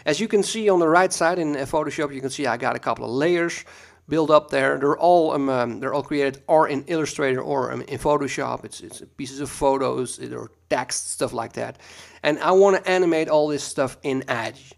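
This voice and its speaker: With vocal fry in a fairly high voice, a Dutch-accented man from the Netherlands talks at normal speed through a screen-recorded software tutorial. He's relaxed and chatty, dropping plenty of ums and uhs, recorded at a computer mic.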